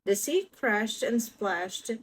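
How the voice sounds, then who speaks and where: A woman's voice: medium pitch, expressive, slow, slight background noise, low-quality recording. A young woman reading a children's story aloud, chatty and gushing between pages. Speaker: storybook reader.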